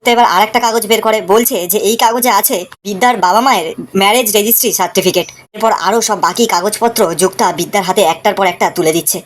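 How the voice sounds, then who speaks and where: A woman narrating a fast, dramatic recap of a TV serial episode. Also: mid-range voice, a little hiss or hum.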